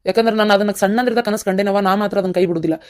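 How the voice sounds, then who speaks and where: Someone voicing a quick earnest village youth. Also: medium pitch, steady tone, a little mellow, natural voice. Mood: determined. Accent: North Karnataka Kannada. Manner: earnest, stubborn. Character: young man determined to become a soldier. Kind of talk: cartoon voice acting.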